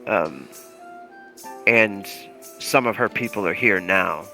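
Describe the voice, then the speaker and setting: A man's voice: fairly low pitch, takes it slowly, bright, forceful tone, soft background music. A man narrating as game master of a tabletop role-playing game, telling it in a loose, rambling way with many fillers.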